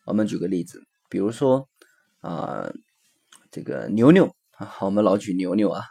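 A man's voice: low voice, sing-song, normal speed, creaky, dark tone, husky. A man hosting a recorded parenting lesson, explaining earnestly with frequent fillers and acting out the dialogue of his examples. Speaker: parenting educator and podcast host.

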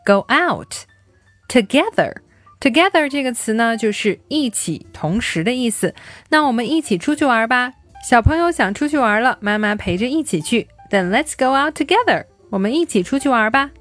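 Lively woman teaching children English. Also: fairly high pitch, dry recording, faint music behind. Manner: slow, drilled repetition of English words.

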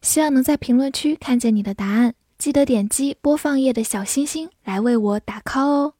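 A woman teaching English vocabulary in a slow, careful way, spelling out words letter by letter and repeating them. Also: high-pitched, mellow, no room sound, clean studio sound. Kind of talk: vocabulary lesson.

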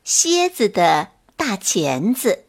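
A woman reading a children's bedtime story aloud, slow and expressive. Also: mid-range voice, over music.

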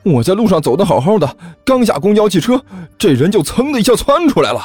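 A man voicing a cheeky male student who loudly plays innocent and protests. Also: high voice, huge pitch swings, normal speed, no echo, faint music behind, voice pushed up, exaggerated voice. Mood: indignant.

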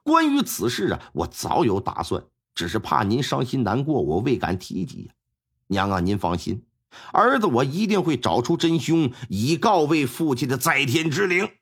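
A male storyteller voicing a dutiful young official who answers his mother humbly, in a low, slightly husky voice. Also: huge pitch swings, normal speed, fairly bright tone, full character voice. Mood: humble. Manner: deferential, low and earnest.

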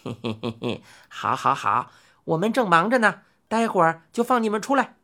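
A woman's voice: on the low side, very animated, normal speed, fairly bright tone, soft background music. A woman voicing a tiny, cocky male creature in a storybook, with a thin, piercing voice and a snickering, bossy way of talking. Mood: smug.

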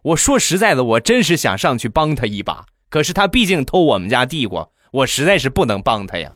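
A man voicing a grown male neighbor who slowly and mockingly complains to a father. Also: mid-range voice, big pitch swings, a bit bright, no room sound, clean studio sound.

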